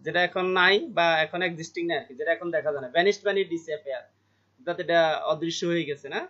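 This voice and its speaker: A man's voice: a little high, bright, forceful tone. Man teaching English vocabulary, dull recording. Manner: slow English definitions, quick Bengali explanations; checks in with students. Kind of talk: vocabulary lesson.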